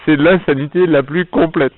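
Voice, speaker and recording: A man's voice: fairly high pitch, steady tone, moderate pace. A man speaking an improvised, emphatic monologue to viewers, with repeated phrases, his voice echoing around a stone arcade. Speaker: vlogger filming himself on a visit. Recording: echoing stone arcade, dull narrow sound.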